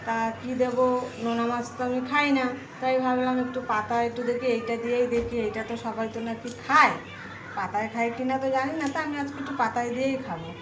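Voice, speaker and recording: High-voiced woman, echoey noisy room. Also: steady tone, quick pace. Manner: chatty, homely, asking viewers small questions. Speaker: home cooking vlogger. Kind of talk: casual cooking vlog chat. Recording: echoey room, clear background noise, kitchen clatter.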